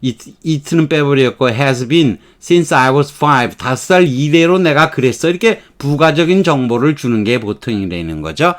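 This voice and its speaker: A man teaching English grammar in Korean, slowly reading out example sentences and explaining them step by step. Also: medium pitch, lively intonation. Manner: slow and methodical, reading example sentences aloud.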